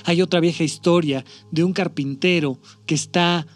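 A man hosts a podcast, telling parables in a conversational way and checking in with listeners as he goes. His voice sits slightly high, with soft music faintly underneath. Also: steady tone, moderate pace. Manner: conversational, asks listeners to agree. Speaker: podcast host. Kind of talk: storytelling talk.

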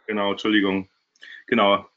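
A man's voice: fairly low pitch, monotone, normal speed. A man speaking as a guest presenter, giving a casual webinar from a small hotel room. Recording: dull, lo-fi webinar stream.

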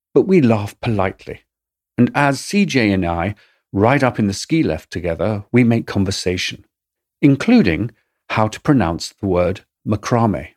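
A middle-aged man giving a measured, wry narration of his diary entries for a podcast. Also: fairly low pitch, no echo. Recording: dry studio voice-over, soft music.

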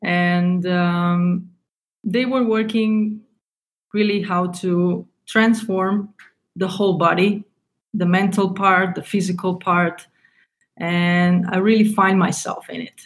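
A woman's voice: lowish voice, steady tone. A woman from Slovenia in her thirties, a tennis coach, talking casually as an interview guest and stopping now and then to find her words. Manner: halting, searching for words, non-native English.

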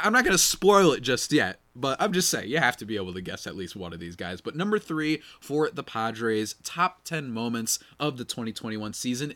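Bright, slightly nasal male sports podcaster. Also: mid-range voice. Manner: animated, slangy, chatty asides to listeners. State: congested from a cold night. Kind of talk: casual solo sports podcast commentary with ad read.

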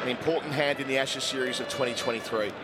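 A man's voice: mid-range voice, fairly even intonation, fast talker. A man working as a cricket commentator, calling play live in clipped descriptive phrases that rise at big moments. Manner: clipped descriptive phrases, rising to shouts at wickets. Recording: outdoor ground with loud crowd noise. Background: loud cricket crowd.

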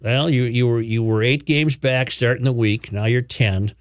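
A man's voice: medium pitch, fairly even intonation, normal speed, no room sound, clean studio sound. A man co-hosting a sports radio show, wry and playful in casual banter.

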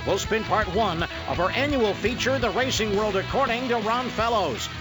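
A man hosting a motorsport news radio show in a brisk announcer style. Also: high voice, music in the background.

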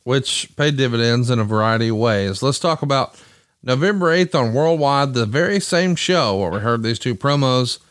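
A man's voice: medium pitch, moderate pace, a bit bright, dry recording, clean studio sound. A man hosting a podcast, moving between scripted ad reads and talk to his listeners. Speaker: podcast host.

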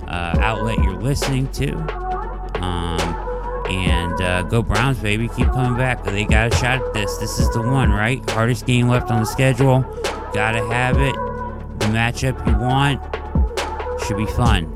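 A lowish-voiced man hosts a casual sports podcast, his voice fading and his throat dry. He works through his analysis in a chatty way, with frequent "like" and "right?"

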